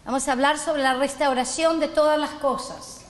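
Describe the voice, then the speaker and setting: A middle-aged Chilean woman with a high-pitched voice gives an earnest sermon lesson as a messianic apostle, reading scripture and having listeners repeat after her. Her tone is steady and her pace moderate, and the echoey hall adds a long, roomy reverb.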